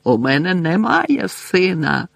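A man doing a stern, shouting old judge. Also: a little high, measured pace, no room sound. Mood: furious. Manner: loud, shouting, clipped formal speech. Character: stern older male judge, cold and furious.

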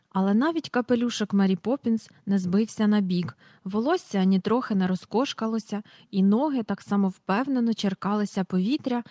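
Woman storybook narrator, even delivery, dry close-miked sound. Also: mid-range voice, no echo. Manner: even, clear reading, reads out page numbers. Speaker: audiobook reader.

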